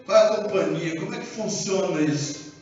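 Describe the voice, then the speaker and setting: A high-voiced male pastor with a Brazilian accent preaches with animation, acting out dialogue as he goes. He is recorded from a distance in a large, reverberant church hall. The sound is dull and muffled, with soft music underneath. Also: a little fast. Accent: Brazilian Portuguese. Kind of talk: sermon. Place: church sanctuary.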